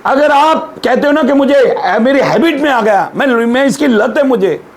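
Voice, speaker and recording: A man's voice: very high voice, normal speed. A male pastor preaching a sermon, telling jokes and putting questions to the congregation. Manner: humorous storyteller, asks the congregation questions.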